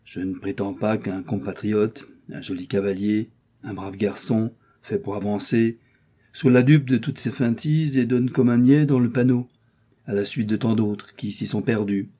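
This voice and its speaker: A man's voice: lowish voice, steady tone, warm tone, close to an everyday voice. A man voicing a stern older musketeer captain. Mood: measured. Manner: measured, commanding, warning tone. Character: older male musketeer captain, guarded and authoritative. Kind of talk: audiobook character voice.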